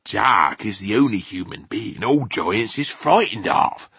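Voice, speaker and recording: A man voicing a gentle, friendly giant in a children's storybook, confiding in a folksy, ungrammatical way. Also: fairly low pitch, big pitch swings, measured pace, creaky, breathy edge, dry recording, exaggerated voice. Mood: hushed, earnest. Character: big friendly old-fashioned giant, male, gentle, mangles grammar. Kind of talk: dramatised children's storybook reading.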